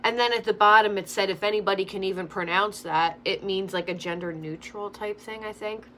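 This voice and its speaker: A woman's voice: medium pitch, steady tone, a little fast, bright, forceful tone. A young woman giving chatty, opinionated commentary while doing her makeup, filling her talk with "like". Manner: chatty, frequent "like" fillers. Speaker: makeup vlogger. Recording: faint background noise.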